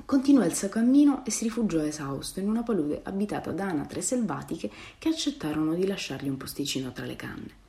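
A woman narrating a children's fairy tale in an expressive, storybook manner. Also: on the low side, a little hiss or hum. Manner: expressive, softens for sad passages. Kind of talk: storybook reading.

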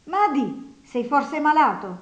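A woman voicing an indignant young woman servant who scolds loudly in a storybook reading, recorded with a roomy echo. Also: on the high side, big pitch swings, moderate pace, highs cut off. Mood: scolding. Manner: loud, nagging, exasperated.

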